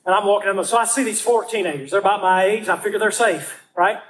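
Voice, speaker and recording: A man's voice: high voice, fast talker, a little hiss or hum, rough recording. A man preaching a storytelling sermon, acting out the quotes in a raised voice. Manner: animated, acts out quotes in raised voice. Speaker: pastor.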